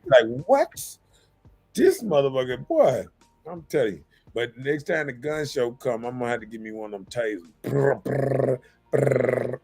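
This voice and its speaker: A man chatting casually as a co-host, telling stories with a lot of swearing and speech, getting loud when worked up. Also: mid-range voice, normal speed, soft background music. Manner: animated, profane storytelling, swings loud when worked up. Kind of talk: casual chat.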